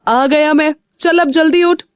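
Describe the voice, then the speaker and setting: A fond, teasing older brother, played by a woman in a voice close to her own. The tone is fairly bright and the sound is dry and close. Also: sits high, steady tone, measured pace, no room sound, pitched above the performer's own voice. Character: teasing protective older brother, young man.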